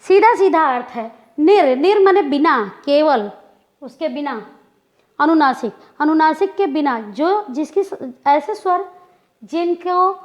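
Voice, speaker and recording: A woman gives a grammar lesson in a slow, careful lecture style. She repeats example words aloud to show how they are pronounced, pausing between phrases. Her voice sits high, and the recording is dull and lo-fi. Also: expressive. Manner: slow, deliberate, repeats and demonstrates pronunciations. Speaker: Hindi grammar teacher.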